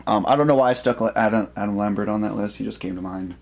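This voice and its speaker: A man's voice: fairly low pitch, fast talker, gravelly. A man co-hosting a podcast in casual banter, hedging and thinking aloud as he goes. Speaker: podcast co-host.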